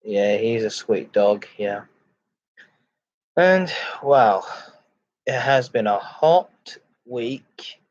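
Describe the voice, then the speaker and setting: Slow-talking man chatting on a lo-fi livestream. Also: medium pitch, expressive, a little mellow. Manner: halting, repeats phrases. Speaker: live streamer, host of a chat and ASMR stream. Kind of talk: casual livestream chat, greeting viewers and reading comments. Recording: dull lo-fi microphone sound.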